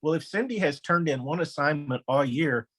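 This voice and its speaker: A man's voice: normal speed, fairly bright tone, breathy edge, poor audio. A middle-aged man, a former elementary principal, presenting a conversational training webinar and acting out quoted voices in anecdotes. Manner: anecdotal, acts out quoted voices with raised pitch.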